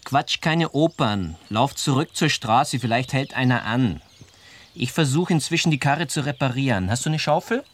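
A man's voice: medium pitch, lively intonation, normal speed, natural voice. An actor playing a bossy, coaxing male ringleader of asylum inmates in a radio drama, talking in a cajoling, theatrical way.

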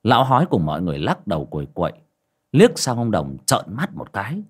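A man narrating an audio story in a lively storytelling manner. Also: lowish voice, fairly quick, slightly rough. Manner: lively storytelling, vivid sound words.

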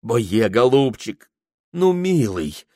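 A man's voice: mid-range voice, sing-song, slow, slightly rough, voice pushed up, full character voice. A man voicing a desperate young man who speaks earnestly and imploringly. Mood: pleading.

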